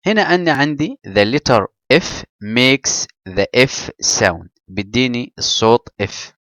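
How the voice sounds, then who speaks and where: A man's voice: fairly low pitch, fairly bright tone, dry recording, clean studio sound. A man with an Egyptian Arabic accent, teaching English to children and explaining in Arabic between the English words.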